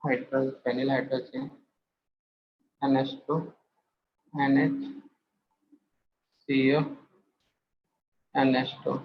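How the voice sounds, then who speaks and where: A man's voice: mid-range voice, flat delivery, drawn-out words, pauses often. A man teaching a chemistry class, firing questions at students and addressing them as beta. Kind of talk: classroom lecture. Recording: echoey room, muffled, faint hiss.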